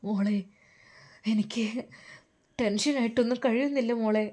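A man's voice: very high-pitched, normal speed, darkish tone. A woman voicing a grieving middle-aged father who talks in a choked, pleading way, with a Malappuram Malayalam accent. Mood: despairing.

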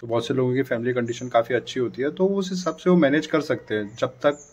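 This vlogger, a man in his thirties, talks fast in a slightly rough, darkish mid-range voice. He gestures a lot while casually advising viewers through a phone camera held at arm's length, standing indoors in a dim room next to a dark door.

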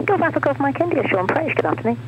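A woman's voice: high-pitched, sing-song, very fast, dull audio. A woman working as an air traffic controller, giving formal radio instructions heard over a pilot headset.

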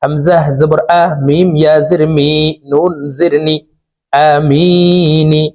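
A man's voice: fairly high pitch, fairly even intonation, measured pace, a little mellow. A man teaching Quran recitation step by step, spelling out each letter patiently and drawing out the long vowels.

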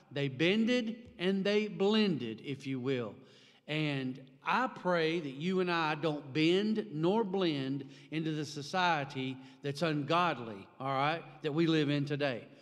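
Man in his forties, pastor preaching, fairly high voice, emphatic, long church reverb. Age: 40s. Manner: emphatic, gesturing widely, rising for emphasis. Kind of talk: sermon. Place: church sanctuary with chairs behind. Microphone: stand mic at a pulpit.

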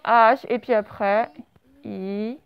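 A woman's voice: medium pitch, steady tone, slow pace, gravelly, clean tone. A woman teaching a primary school dictation, breaking words into syllables and spelling them letter by letter. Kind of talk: classroom dictation lesson. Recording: slightly dull lo-fi recording.

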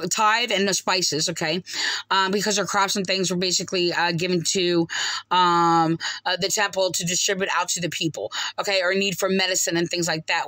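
A woman's voice: fairly low pitch, pushed and bright, dry recording, low-quality recording. A middle-aged woman talking casually into a phone held close in a dim room, commenting on scripture with many fillers, restarts and hesitations. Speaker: video commentator. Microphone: phone held close to face.

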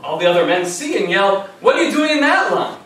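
A young adult stage actor with a high, lively voice plays an affectionate, self-conscious grown grandson, narrating family memories in a wry, fond tone at a fairly quick pace. The theatrical narration and dialogue are performed before an audience. Captured by a far-off camera microphone, the recording has the roomy echo of a theater and some faint noise.

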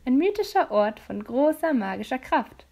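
A woman reading a storybook aloud, voicing a sharp-tongued fifteen-year-old girl who answers with sarcasm. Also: high-pitched, sing-song, vocal fry, exaggerated voice. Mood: pointed. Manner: sarcastic and quick.

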